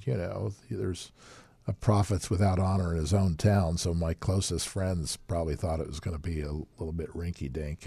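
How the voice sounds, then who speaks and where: A man who started a radio station, answering interview questions in a plainspoken, relaxed way and repeating words as he searches for them. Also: deep voice, no echo. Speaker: radio station founder, guest.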